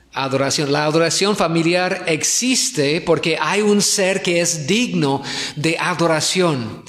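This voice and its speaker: A man with a fairly bright, somewhat high voice delivers a sermon at a pastors' conference held in a church hall in Ecuador. He questions the audience and keeps returning to his key points, and the hall gives the recording an echo.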